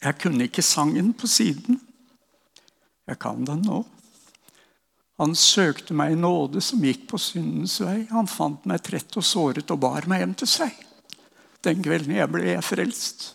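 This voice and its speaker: An older man from Norway tells his testimony and prays in an earnest, unhurried way. His voice sits a touch high and carries a gravelly edge. The sound rings with a long hall reverb. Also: animated, a bit bright. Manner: earnest storytelling, ends in slow prayer. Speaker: preacher. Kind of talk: sermon testimony. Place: church hall.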